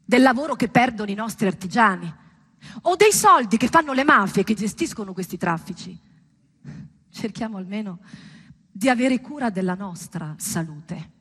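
Her voice is medium-pitched, animated, slightly bright, and husky as this woman performs a theatrical stage monologue with dramatic, deliberate emphasis.

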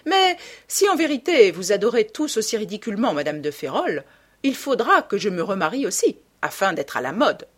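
A woman's voice: mid-range voice, big pitch swings, normal speed. A woman voicing an elderly aristocratic hostess who is gossipy and teasing, reading an audiobook with exclamatory emphasis.

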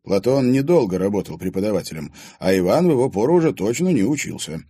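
A man's voice: lowish voice, big pitch swings, fast talker, mellow, breathy edge, pitched above the performer's own voice, full character voice. A man voicing a wry older man in an audiobook who corrects others.

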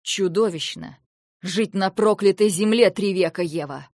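A stern warlord speaks in a low, slow, domineering tone, as a woman puts him on for an audiobook. The voice sits low and gravelly. The recording is dry and close. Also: little pitch movement, no echo. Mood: furious. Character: stern proud male warlord, cold, commanding. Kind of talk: audiobook dialogue.

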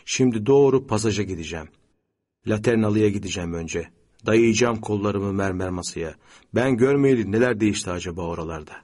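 A man with a husky voice, acting out an anguished middle-aged man in an audiobook story, his talk emotional and pleading. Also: fairly low pitch, a little fast, a little mellow, close to an everyday voice. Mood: musing.

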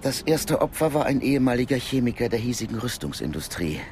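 A man voices a composed Cold War intelligence contact in a naturalistic German radio play, laying things out plainly and with measure. His mid-range voice sounds grave and explanatory, with slight background noise.

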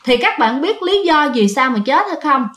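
Chatty high-voiced woman telling ghost stories. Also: expressive, a bit bright, echoey room. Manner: chatty, addresses listeners often with drawn-out fillers. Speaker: ghost story narrator. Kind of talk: casual storytelling to listeners.

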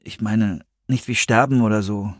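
A man's voice: fairly low pitch, steady tone, moderate pace, no room sound, clean studio sound, natural voice. A man reading an audiobook, voicing a troubled teenage boy who halts and searches for words. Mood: searching.

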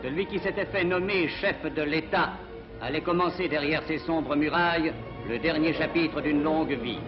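Old newsreel man, lo-fi and declamatory. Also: on the high side. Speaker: newsreel narrator. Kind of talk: 1940s cinema newsreel narration. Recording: dull lo-fi old newsreel soundtrack. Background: music.

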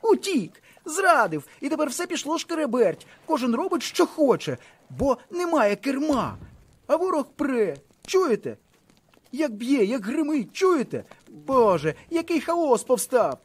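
A man voicing a panicked young male officer who shouts hysterically in a shrill voice. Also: big pitch swings, unhurried, exaggerated voice.

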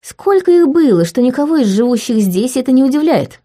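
Brief: woman reading a prickly, jealous young heroine, mellow voice, audiobook. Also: high voice, very animated, brisk, voice pushed up. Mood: indignant. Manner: indignant, defensive. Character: young orphan girl, a proud, jealous student. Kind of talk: audiobook character voice.

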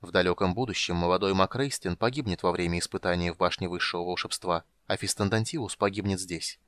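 A man voicing a cold, commanding dark goddess. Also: low voice, fast talker. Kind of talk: audiobook character voice.

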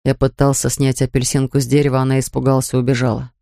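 A woman's voice: a bass voice, flat delivery, fast, gravelly, mellow, no room sound, clean studio sound, voice pushed down. A woman voicing a blunt young male farmer who talks in short, terse lines in an audiobook. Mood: curt. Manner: curt, terse.

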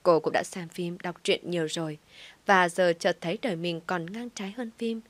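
A woman's voice: lowish voice, normal speed, no echo. A woman narrating a scripted audio story with an emotive, dramatic reading.

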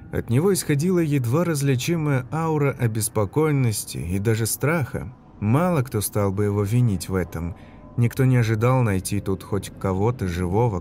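A man reading a story aloud in an even, measured narration. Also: on the low side. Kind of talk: audiobook narration.

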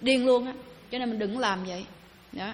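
A woman's voice: on the high side, fairly quick. A woman giving a Buddhist dharma talk, chatting with her audience and asking them questions. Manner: conversational, asks the audience questions. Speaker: Buddhist teacher. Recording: long hall reverb.

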